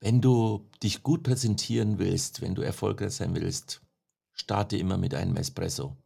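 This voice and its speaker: Man, speaker coach, low voice, a bit of fry, lively explaining. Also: moderate pace. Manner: lively explaining, tag questions. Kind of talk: interview answers.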